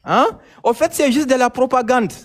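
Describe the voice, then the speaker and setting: Malian male caller, high voice, insistent and halting, repeats words. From Mali. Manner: insistent, repeats himself, many hesitations. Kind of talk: casual chat, phone-in debate.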